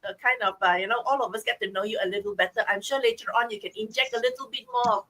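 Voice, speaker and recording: Woman, Singaporean English accent, high voice, bright tone, bubbly live-stream host, video call. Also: fast talker, poor audio. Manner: upbeat, bubbly hosting with frequent checks like okay and right. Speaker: livestream host. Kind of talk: live-streamed group chat.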